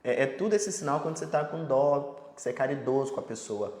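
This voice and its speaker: A man teaching sign language in a casual lesson, explaining patiently with everyday examples and slowly repeating each sign word, with a Brazilian Portuguese accent. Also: mid-range voice, lively intonation, a little mellow. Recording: roomy echo with long reverb.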